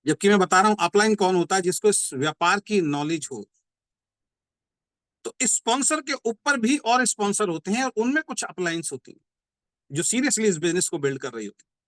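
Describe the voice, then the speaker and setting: A man giving a motivational business training talk. He explains by repeating points and asking rhetorical questions, and says key slogans slowly. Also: sits high, expressive, a bit bright, no room sound. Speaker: network marketing trainer.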